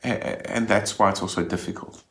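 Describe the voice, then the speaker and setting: A man's voice: on the low side, steady tone, a little fast. A man giving a Sunday reflection as a minister, speaking conversationally and often restarting his sentences.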